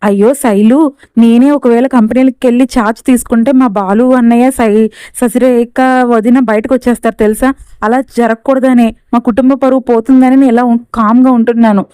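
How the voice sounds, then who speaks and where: A woman reading as a calm young man. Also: fairly high pitch, moderate pace, clear, resonant tone, no room sound, lightly acted. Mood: reasoning.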